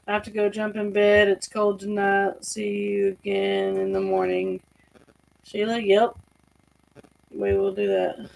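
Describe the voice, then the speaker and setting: Croaky woman reading live-chat comments. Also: mid-range voice, animated, a little slow, darkish tone, rough recording.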